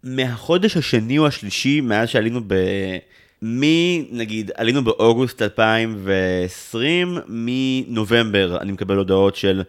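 A man in his thirties hosting a podcast, chatty and jokey, full of quick asides. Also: medium pitch, animated, clear, resonant tone. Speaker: podcast host. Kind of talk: casual podcast chat.

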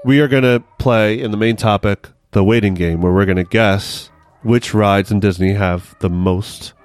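A man's voice: on the low side, normal speed, no echo. A man hosting a casual podcast, chatting about park news and running a guessing game for his co-hosts. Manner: chatty, runs the quiz game. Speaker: podcast host. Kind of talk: casual chat.

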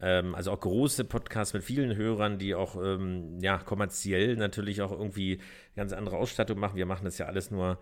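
Casting: male podcast co-host, deep low voice with a creaky edge, calm and hesitant, casual explanatory chat. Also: fairly quick.

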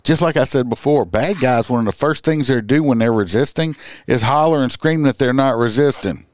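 A Cajun man hosting a podcast, mid-pitched and blunt. He talks in emphatic, profane bursts, hammering his points home with plain words. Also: fairly quick, no echo, clean studio sound. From Louisiana. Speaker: podcast host. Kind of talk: casual podcast chat.

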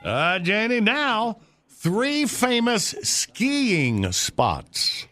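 A man's voice: sits high, big pitch swings, drawn-out words, bright, forceful tone, soft background music. A man hosting a morning radio show with upbeat banter, talking to callers in a folksy, familiar way.

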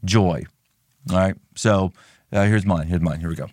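A man's voice: low-pitched, moderate pace, a little mellow, no echo, studio quality. A man hosting a casual chat and preaching off the cuff, playfully competitive and repeating phrases for emphasis. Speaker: podcast host and preacher.

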